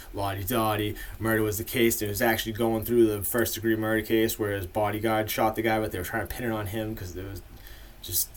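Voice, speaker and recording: A man's voice: fairly low pitch, slight background noise. A man in a casual, rambling monologue full of fillers, giving his opinions as the host of a ranking video.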